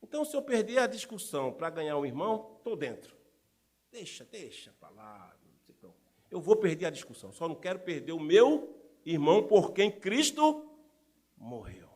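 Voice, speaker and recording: High-voiced animated male preacher. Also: moderate pace. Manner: animated, rhetorical questions to the congregation. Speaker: pastor. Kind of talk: sermon. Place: church.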